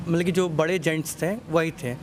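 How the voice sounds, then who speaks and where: A man's voice: fairly high pitch, fairly even intonation, normal speed, a crowd in the background. A young man answering a street interview in a matter-of-fact, explanatory way. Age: young adult.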